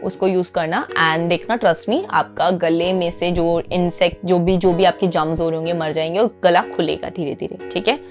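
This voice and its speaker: An anchor with an Indian accent gives viewers informal voice coaching, mixing Hindi with English phrases. Emphatic, she repeats key phrases and checks in often. Her low-leaning voice is steady at normal speed with few pauses, over soft background music.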